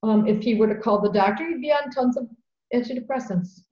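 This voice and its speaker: A woman's voice: fairly high pitch, quick pace. A woman practitioner of homeopathy, talking earnestly in a conversational storytelling way, often repeating words. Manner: earnest, fillers, repeats words when emotional. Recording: echoey room, dull lo-fi sound.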